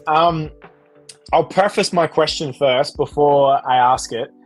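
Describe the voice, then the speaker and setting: A man's voice: fairly high pitch, slow pace, faint music behind. A man as a podcast guest, talking casually with the filler "like".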